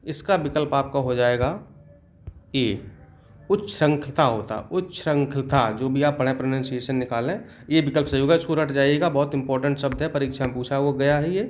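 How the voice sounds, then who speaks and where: A man's voice: medium pitch, fairly even intonation, brisk, darkish tone, muffled recording, slight background noise. A male teacher going through exam questions step by step, often stopping to check in with his students. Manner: explains step by step, often adds a checking "okay". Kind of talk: exam-prep lesson.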